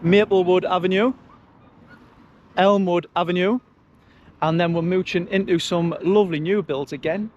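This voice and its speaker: A man's voice: high-pitched, fairly even intonation, moderate pace, long pauses, darkish tone, muffled recording. A man with a Sunderland accent giving a casual, chatty walking-tour commentary in colloquial dialect. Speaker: local-history vlogger. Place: outdoors, walking along residential streets. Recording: outdoor street and traffic noise.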